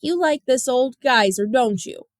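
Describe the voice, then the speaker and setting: A woman's voice: high voice, animated, unhurried, dry recording, studio quality. A woman voicing a teasing, affectionate old grandfather with a folksy drawl.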